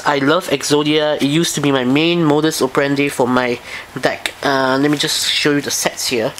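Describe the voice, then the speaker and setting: A man's voice: fairly high pitch, fairly bright tone, slight background noise. Eager man rambling through a review. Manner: rambling and eager, repeats himself. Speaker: card collector reviewing his collection. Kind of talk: casual home video review.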